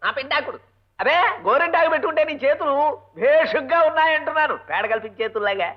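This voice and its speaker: An actor playing a grumbling, henpecked husband and lecturer who mutters sarcastic insults and shouts for silence. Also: male voice, extremely high pitch, lively intonation, fast. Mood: exasperated. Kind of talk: 1980s film comedy dialogue. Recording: dull lo-fi old film soundtrack.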